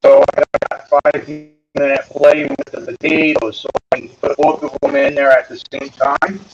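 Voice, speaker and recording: A man talking casually about his home canning, halting with many fillers and restarts. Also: fairly high pitch, highs cut off, noisy background. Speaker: home canner. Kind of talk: casual chat.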